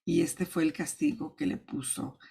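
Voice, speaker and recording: A Sunday school teacher tells a Bible parable to children, lively and expressive, slipping into the voices of the king and the pleading servant. Her voice is low and gravelly with a husky edge. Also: moderate pace. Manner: animated, acts out the characters' pleas and commands. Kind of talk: storytelling Bible lesson for children.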